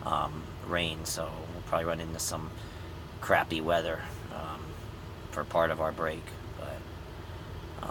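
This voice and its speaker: This low-voiced trucker in his fifties, also a grandfather, chats to viewers from his cab in a relaxed, meandering vlog update full of ums, saying he's tired. He films himself with a phone camera at arm's length, and there's background noise.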